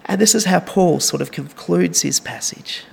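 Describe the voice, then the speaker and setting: Young aussie guy preaching, chatty and earnest, kinda high voice. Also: moderate pace, vocal fry, breathy edge. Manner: earnest, conversational preaching with anecdotes. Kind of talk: sermon.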